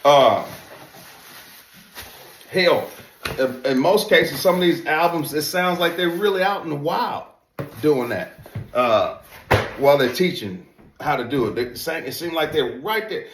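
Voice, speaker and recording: A man's voice: on the high side, expressive, unhurried, long pauses, slight background noise. A man giving a casual product demonstration in an emphatic, folksy way, often repeating his phrases. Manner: emphatic, repetitive, folksy informal talk. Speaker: presenter reviewing duck calls. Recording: roomy echo.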